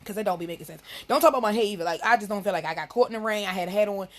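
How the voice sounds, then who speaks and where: A woman's voice: mid-range voice, racing. A woman, hosting a live talk show in a blunt, profane, emphatic monologue. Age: 30s.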